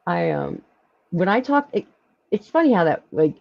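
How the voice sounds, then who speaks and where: A woman with a Philadelphia accent, hosting a casual live-stream chat, talkative and quick to laugh. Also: fairly low pitch, vocal fry, no echo, highs cut off. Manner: chatty, lively, laughs often, many fillers. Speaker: podcast host.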